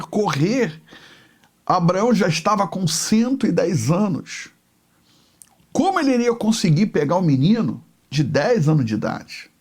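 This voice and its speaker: Male bishop, storytelling sermon, high lively voice, unhurried. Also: breathy edge. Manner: emotional, slow, dwelling on each phrase.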